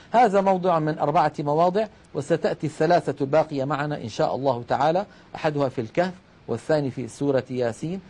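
A man's voice: a little high, a little mellow. A middle-aged man teaching the rules of Quranic recitation, explaining step by step, posing questions and answering them himself. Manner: addresses listeners as brothers. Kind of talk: religious lesson on Quranic recitation.

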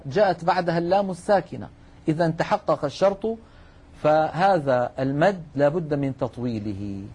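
Husky man teaching a patient lesson. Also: on the high side, a little mellow. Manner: measured, patient, repeats key points. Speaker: Quran recitation teacher. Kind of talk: explanatory lesson.

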